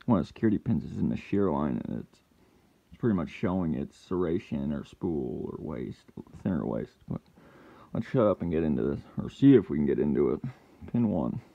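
With a very deep, fry-laden voice that swings widely in pitch, this lockpicking channel host talks a little fast, and the audio has its highs cut off. He casually narrates his work step by step, mostly muttering to himself, with occasional abrupt frustrated outbursts.

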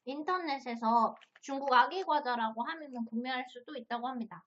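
A woman's voice: sits high, fairly quick, a bit bright, lo-fi sound. A woman hosting a casual mukbang review, talking as she tastes crunchy chips and snacks. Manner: tasting and eating chips and snacks while talking.

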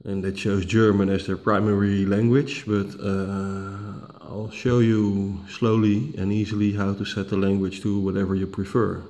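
In his home dining room, a tech tutorial host records a step-by-step tablet reset on a camera mic, walking through the screens at an easy pace. His voice is on the low side, level and warm. English is a second language for him, probably after Dutch, and his talk is dotted with "uh" fillers, restarts and self-corrections.

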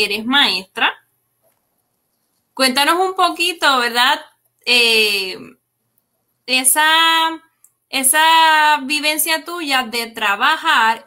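Slow-talking bright-voiced woman host. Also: sits high. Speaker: interview host. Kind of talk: casual interview.

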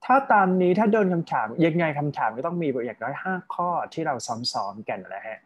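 A man tutoring a student over a video call, giving gentle, encouraging feedback and dropping English terms into his talk. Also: fairly high pitch, big pitch swings, brisk, highs cut off. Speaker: IELTS speaking tutor. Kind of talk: casual online tutoring feedback.

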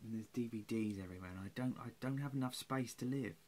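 Talking fast at medium pitch, this man of about forty sounds a little mellow, and a faint hiss or hum runs under the recording. He's vlogging into a nearby webcam from a small room at home, weary and rambling, with swearing and self-mockery.

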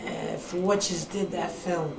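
A woman's voice: fairly low pitch, fairly even intonation, unhurried. Older woman on an old VHS home video. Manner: earnest, sentimental, rambling. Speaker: grandmother interviewed by her son. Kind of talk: family home-video interview. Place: family home at Christmas. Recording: echoey, distant camcorder mic with music behind.

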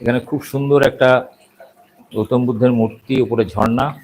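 A middle-aged man gives a walking video report, taking viewers outside and inside a small restaurant. He speaks hesitantly, full of fillers, in a medium-pitched, slightly mellow voice with fairly even intonation and a moderate pace. The recording is low quality with slight background noise.

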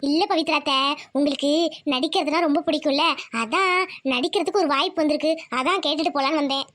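A woman's voice: high voice, quick pace, fairly bright tone. A woman voicing a young schoolgirl who hesitantly coaxes her aunt. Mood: coaxing. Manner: wheedling, hesitant. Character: coaxing young schoolgirl niece.

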